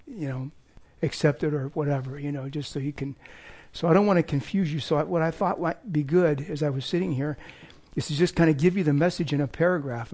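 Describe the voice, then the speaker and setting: An older lay preacher with a hoarse, failing voice delivers an informal sermon after an opening prayer. His pitch sits fairly high and his tone is warm, but he rambles and pokes fun at himself, full of fillers and restarts.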